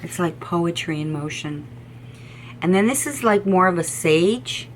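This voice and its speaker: A woman's voice: lowish voice, lively intonation, a little slow, slight background noise. A middle-aged woman hosting a knitting video, chatting casually and enthusiastically to the camera with frequent ums and restarts. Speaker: knitting podcast host.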